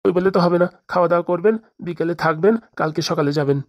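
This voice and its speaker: A woman's voice: on the low side, very fast, no room sound, highs cut off, lightly acted. A woman voicing a fretful middle-aged father who pleads at length for his only daughter in a cartoon. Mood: aggrieved. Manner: pleading, rambling complaints. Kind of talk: cartoon voice acting.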